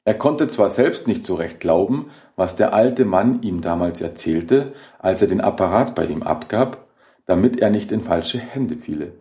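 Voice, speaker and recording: A man narrating a horror short story in a measured, dramatic reading. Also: low-pitched, animated, dark tone. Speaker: audiobook narrator.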